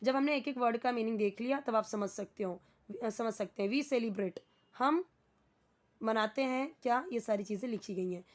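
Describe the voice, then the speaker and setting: A young adult woman teaching English grammar, who reads English sentences slowly and then explains each word in Hindi. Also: fairly high pitch.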